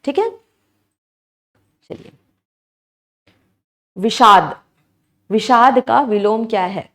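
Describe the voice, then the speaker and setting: A woman's voice: fairly high pitch, drawn-out words, a bit bright. A woman teaching an exam-prep lesson, explaining each answer step by step and constantly asking her students questions.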